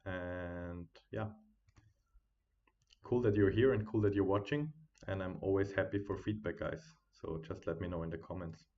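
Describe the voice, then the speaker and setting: Chatting easily with viewers as he thinks aloud over the charts, this day trader streams live from home in a deep, low voice. His intonation is fairly even and his pace moderate, while the built-in computer mic leaves him sounding quiet and dull.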